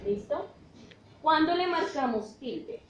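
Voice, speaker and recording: A woman's voice: high voice, animated, slow pace, dull audio. A woman teacher, explaining step by step in a classroom style and checking in with her students often. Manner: checks in with "¿listo?" often, spells out letters. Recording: echoey room with faint noise.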